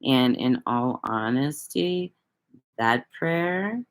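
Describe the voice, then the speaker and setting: A woman's voice: extremely low pitch, animated, very slow. A woman hosting a casual livestream, talking loosely to viewers, rambling and swearing freely. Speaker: livestream host reading viewer chat.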